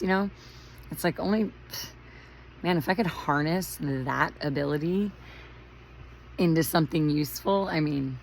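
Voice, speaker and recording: Hoarse, raspy woman vlogger with a low, gravelly voice; chatty, tangent-prone storyteller. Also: a little hiss or hum, poor audio. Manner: rambling, chatty, lots of fillers and tangents. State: hoarse from shouting. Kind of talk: casual storytelling monologue.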